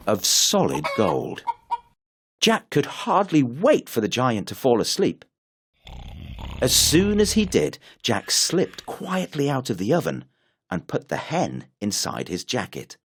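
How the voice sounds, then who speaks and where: A man narrating a fairy tale in an expressive, unhurried storybook reading. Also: mid-range voice, slight background noise.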